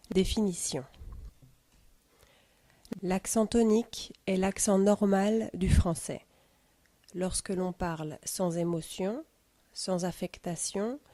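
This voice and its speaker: A woman reading a pronunciation lesson, dictating definitions and word examples in a measured way. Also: mid-range voice, mellow, no echo.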